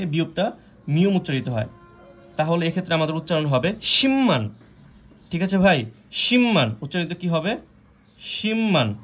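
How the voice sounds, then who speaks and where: Bengali-speaking man teaching, quizzing listeners. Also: on the high side. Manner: repeats points and quizzes listeners with questions; hesitant, frequent fillers and restarts. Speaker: Korean language teacher. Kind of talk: explanatory lesson.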